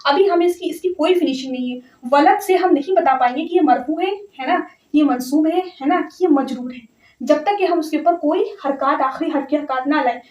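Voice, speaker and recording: A woman teaching a grammar lesson step by step, patient, repeating words slowly and often checking that her students follow. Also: high voice, a little mellow. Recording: echoey, distant, slightly dull audio.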